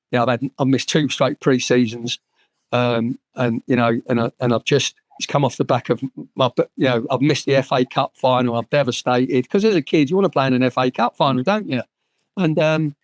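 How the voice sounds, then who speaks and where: An English former footballer in his sixties, speaking at medium pitch with no room sound, tells anecdotes in conversation. His stories are frank and sweary, full of fillers and restarts.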